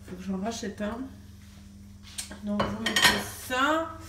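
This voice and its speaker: In a very noisy, reverberant kitchen recording, a young mother from France vlogs casually on her phone, stumbling through fillers and restarts. Her mid-range voice holds a steady tone and moves a little slowly. She is a family vlogger using a handheld phone camera.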